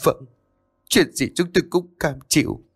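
Brief: man putting on a frantic wailing mother, voice pushed high, storybook horror. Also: measured pace, breathy edge, faint music behind. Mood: wailing plea. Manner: pleading, sobbing. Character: desperate young mother, wailing and pleading.

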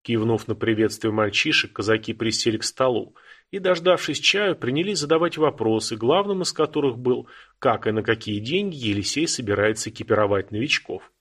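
A man narrating an audiobook in a steady storytelling manner. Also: mid-range voice, fairly quick, slightly rough. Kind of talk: scripted narration.

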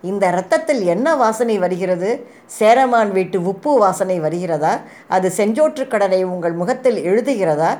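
A vengeful dead prince speaks from his own corpse, mocking his betrayer with one accusing question after another, as a woman reads him aloud. His voice sits at a middle pitch for a storybook figure. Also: expressive, unhurried, a little mellow, natural voice. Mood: taunting.

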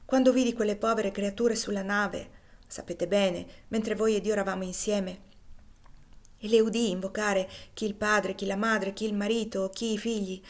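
Woman reading as a frail young girl, gentle, earnest, soft, audiobook reading. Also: medium pitch, steady tone, moderate pace, lightly acted.

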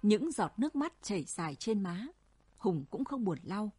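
A woman with a husky voice, narrating a story in an even storytelling manner. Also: mid-range voice, moderate pace, no room sound. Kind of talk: audiobook story reading.

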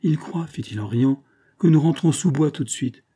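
Frank, hearty young charcoal burner in an audiobook, read by a man, dark husky voice. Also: on the high side, expressive, moderate pace, voice pushed up.

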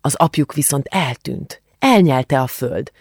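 A woman's voice: a bass voice, expressive, a little mellow, slightly rough, dry recording, exaggerated voice. Cheeky, blunt teen girl, offhand delivery, dry close read, voiced by a woman. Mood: brisk, informative. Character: brash, cheeky teenage girl friend. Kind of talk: audiobook character reading.

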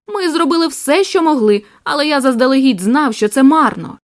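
Woman reading a blunt male inspector: offhand and worldly, high lively voice, dry audiobook read. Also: fairly quick, no echo. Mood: breezy.

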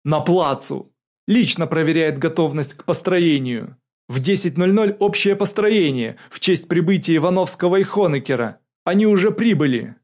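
A man's voice: medium pitch, measured pace, a little mellow, voice pushed up. A man voicing a flustered male duty officer who protests in alarm. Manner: startled, protesting.

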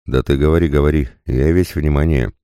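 A man plays a skeptical young police captain in an audiobook, casual and a bit ironic. The voice stays very low and dark. The recording is close and dry. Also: fairly even intonation, a little fast, smooth, dry recording. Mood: wry.

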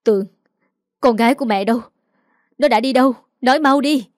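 A woman voicing a distraught middle-aged mother who pleads and shouts in a raised voice. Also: mid-range voice, a little fast, no echo, studio quality, natural voice. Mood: anxious.

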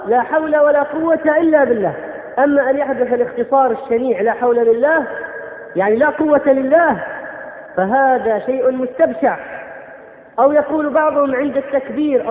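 A man preaching a sermon, correcting common phrases and repeatedly addressing his listeners as brothers. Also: extremely high pitch. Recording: tinny lo-fi recording in an echoey hall.

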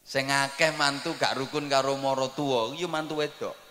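A man with an East Javanese accent preaching a sermon to a hall audience, swinging from soft asides to shouting. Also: medium pitch, steady tone, normal speed, slight background noise. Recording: echoey hall reverb.

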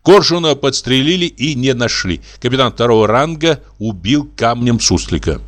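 Lively male story narrator. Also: mid-range voice, moderate pace. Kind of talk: audiobook reading of a comic story.

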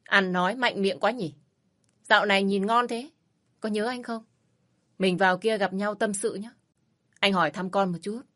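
A woman's voice: medium pitch, fairly even intonation, moderate pace, long pauses, fairly bright tone, natural voice. A woman voicing a smug, pushy ex-husband who talks in a wheedling, mocking, overly familiar way in a storybook reading. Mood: leering. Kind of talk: storybook narration.

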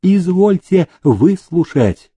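A man's voice: high-pitched, very animated, slow, dark tone, breathy edge, voice pushed up, heavily acted. A man voicing a cowardly government clerk who begs tearfully for mercy. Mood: pleading. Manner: whining, pleading.

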